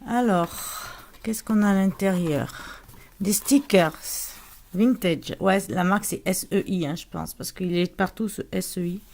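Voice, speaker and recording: A woman's voice: fairly low pitch, measured pace, gravelly, a little mellow, slight background noise. A woman chatting casually as she unboxes and shows scrapbooking paper, with lots of fillers and restarts. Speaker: scrapbooking vlogger.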